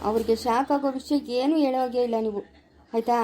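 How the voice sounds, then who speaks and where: A woman's voice: fairly high pitch, fairly even intonation, fast, warm tone, a little hiss or hum, natural voice. A woman playing a doctor who firmly explains that an operation is needed, with a rural Chikkaballapura Kannada accent. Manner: firm, matter-of-fact, explaining. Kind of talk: village family drama acting.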